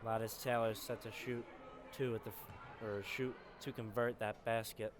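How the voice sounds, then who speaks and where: A man calling live college basketball play-by-play from an arena skybox, breaking into shouts on big plays. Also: on the low side, level tone, moderate pace. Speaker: play-by-play commentator. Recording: noisy arena broadcast.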